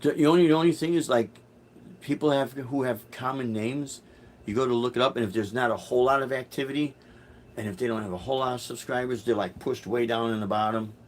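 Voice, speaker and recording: This middle-aged musician from Chicago talks fast in a mid-range voice while hosting a live stream, with slight background noise present. He casually responds to viewer comments, meandering and hesitating and repeatedly starting again.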